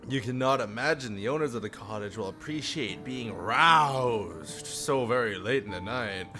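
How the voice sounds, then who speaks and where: Medium in pitch, bright and forceful, this man speaks animatedly at a moderate pace. He reads a visual novel on a livestream, joking around and occasionally misreading, while music plays behind him.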